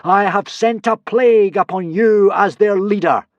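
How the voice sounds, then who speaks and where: Man doing a boy playing a thunder god: booming, solemn, grand, raised pitch, dry sound. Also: a little slow, dry recording, highs cut off.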